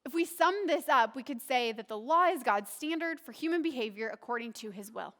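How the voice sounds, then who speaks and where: A woman's voice: fairly high pitch, lively intonation, fairly quick, fairly bright tone. A woman pastor preaching a sermon in a conversational, earnest way, often asking the listeners questions.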